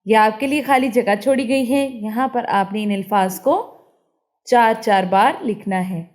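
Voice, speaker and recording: A woman, working through a textbook exercise as a teacher and reading word lists aloud clearly and deliberately. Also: mid-range voice, fairly even intonation.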